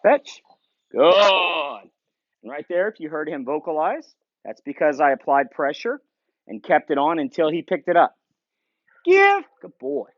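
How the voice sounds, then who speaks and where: A man giving a dog training lesson in a shop, calmly explaining between short commands to the dog. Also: fairly high pitch, fairly quick, no echo, dull audio. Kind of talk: instructional training video. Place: indoor shop.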